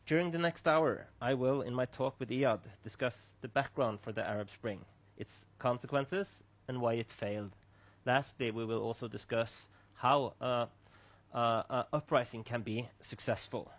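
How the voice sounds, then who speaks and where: A man's voice: mid-range voice, moderate pace, dry recording. A man hosting a streamed discussion, giving a formal, scripted introduction with small restarts. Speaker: host. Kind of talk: moderating a panel talk. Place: online streamed event.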